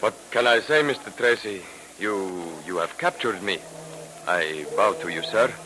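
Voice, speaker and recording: Dignified captive cultist in vintage radio drama. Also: male voice, lowish voice, animated. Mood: resigned, respectful. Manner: formal, courteous, deliberate phrasing. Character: courteous captured Egyptian cult man, dignified and resigned. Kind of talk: 1940s radio drama acting. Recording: noisy vintage radio recording.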